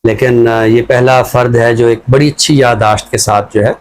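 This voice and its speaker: As a scholarly commentator on a talk show, a man with a Pakistani accent explains his points in a measured, reflective but conversational way. His voice is mid-range with fairly even intonation.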